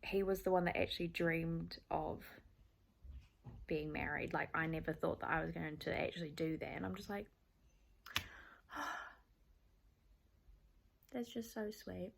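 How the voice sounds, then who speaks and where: A young book vlogger, born in Scotland and raised in New Zealand, speaks with a New Zealand accent as she chats casually and self-deprecatingly in a rambling reading vlog. Her fairly low, gravelly voice takes things slowly with frequent pauses, over a little hiss or hum.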